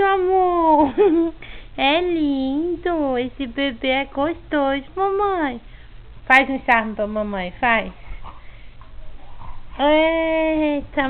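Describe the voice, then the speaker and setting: A woman talking baby talk to her pet in a sing-song, cooing voice. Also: sits high. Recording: tinny phone-like audio, faint noise.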